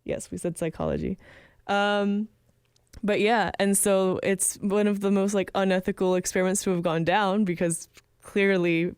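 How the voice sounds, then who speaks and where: Chill slangy woman guest, smooth clear voice, chatting casually. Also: medium pitch, little pitch movement, moderate pace, a little mellow, no echo, clean studio sound. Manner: slangy, laid-back talk. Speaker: podcast guest. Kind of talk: casual chat.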